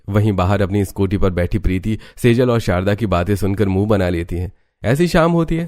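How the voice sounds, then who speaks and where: Male narrator, low pitch, steady scripted story reading. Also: no room sound. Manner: even, storytelling.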